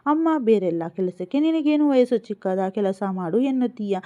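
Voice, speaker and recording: A woman's voice: fairly high pitch, animated, normal speed, warm tone, lightly acted. A woman reading the lines of a cheeky, playful college-age daughter. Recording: phone-like narrow sound.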